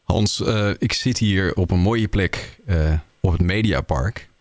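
A man's voice: low voice, unhurried, no echo. A male radio host interviewing a guest, admiring and slightly formal.

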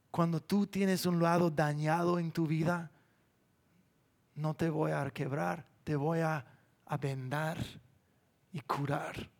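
A man giving a hushed, tender fatherly God. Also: on the high side, creaky, voice pushed down. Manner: hushed and soothing. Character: gentle, tender God speaking as a loving father.

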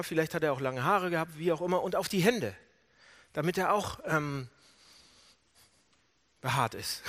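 A man's voice: fairly high pitch, a bit bright. A man preaching a sermon, retelling the story with dramatic flair. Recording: long hall reverb.

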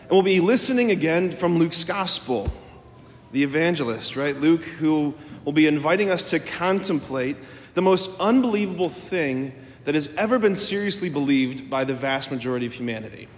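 A man's voice: a little high, animated, moderate pace, slight background noise. A man preaches a conversational sermon in a large church, informal, repeating phrases and checking in with his listeners. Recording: long church reverb.

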